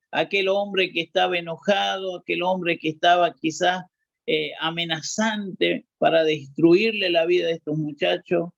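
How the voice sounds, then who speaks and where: Preacher, male, deliberate, emphatic sermon delivery, unhurried and slow. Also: on the high side, vocal fry, no echo, low-quality recording. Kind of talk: sermon with scripture reading.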